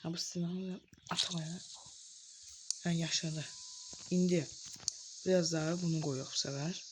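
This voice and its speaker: A man's voice: on the high side, steady tone, normal speed. Azerbaijani-accented man doing game commentary. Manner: casual, exclaiming at the screen. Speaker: gameplay commentator. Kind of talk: casual gameplay commentary. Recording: loud background noise.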